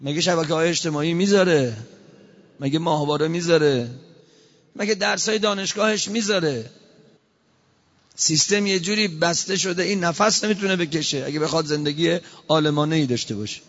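A man's voice: on the high side, fairly bright tone. A man preaching an impassioned sermon from a podium, pressing his points with rhetorical questions and urgent pleas. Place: large hall, speaking from a podium. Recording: long hall reverb, dull lo-fi sound.

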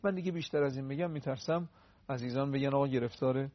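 A man explaining the pronunciation of Quran recitation on a TV talk show, earnest, with slow recited examples. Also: mid-range voice, muffled recording. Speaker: religious guest teaching Quran recitation.

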